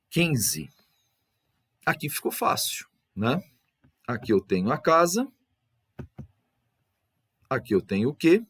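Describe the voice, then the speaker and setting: A man's voice: medium pitch, husky. A man teaching an exam review lesson, explaining step by step and ending nearly every phrase with a tag question.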